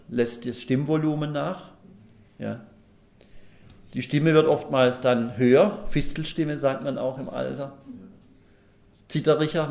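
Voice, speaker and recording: Gravelly man preaching in an echoey hall. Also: medium pitch, darkish tone. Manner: folksy, asks the congregation questions. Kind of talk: sermon. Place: church hall at a lectern. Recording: echoey room.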